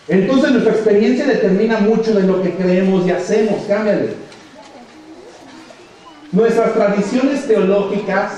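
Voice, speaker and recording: High-voiced Mexican preacher, echoey hall. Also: male voice, a little mellow. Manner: emphatic preaching, acts out dialogue. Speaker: pastor. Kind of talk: sermon. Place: church hall. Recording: echoey church sound from far off.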